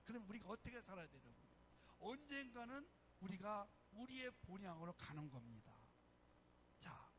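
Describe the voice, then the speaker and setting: A man's voice: sits high, a little hiss or hum. A man preaching a sermon as pastor of a church, emphatic and often calling out to his congregation. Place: church sanctuary.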